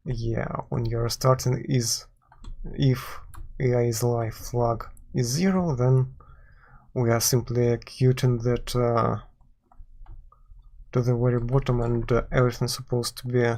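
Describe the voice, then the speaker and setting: A man's voice: medium pitch, level tone, unhurried, pauses often, darkish tone. A man from Belarus with a Belarusian accent, live-streaming while he codes, talking hesitantly with many filler sounds. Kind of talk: live-streamed coding commentary. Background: keyboard typing and clicking.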